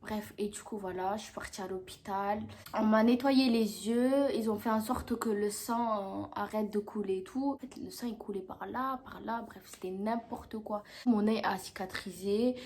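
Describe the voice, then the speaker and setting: A woman's voice: medium pitch, normal speed. A young woman telling a dramatic story to camera in a casual storytime vlog, acting out what people said. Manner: animated, dramatic retelling with acted-out quotes. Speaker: vlogger.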